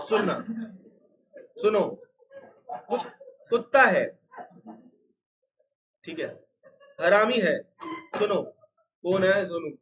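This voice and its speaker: A man teaching a live accounts class online, repeatedly calling on students to listen, teasing and scolding them as he goes. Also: sits high. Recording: slightly dull lo-fi sound.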